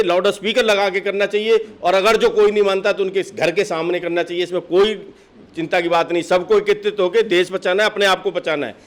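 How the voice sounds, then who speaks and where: A political party district official with a notably high voice gives impassioned answers in an interview. Argumentative and insistent, he presses his case with rhetorical question after rhetorical question.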